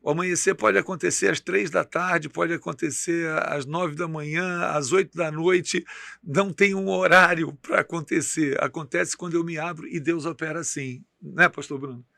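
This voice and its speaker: Bright, gravelly Brazilian bishop preaching. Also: male voice, a little high, steady tone, normal speed, no room sound, clean studio sound. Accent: Brazilian Portuguese. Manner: emphatic, preacherly, quoting scripture. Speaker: bishop and podcast host. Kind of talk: preaching in a podcast conversation.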